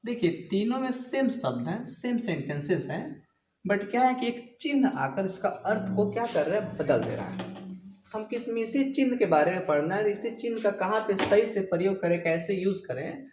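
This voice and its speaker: A man teaching a Hindi grammar lesson to students, explaining slowly and repeating each definition while calling his viewers "guys". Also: sits high, animated, darkish tone, roomy sound, a little hiss or hum. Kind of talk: classroom-style video lesson.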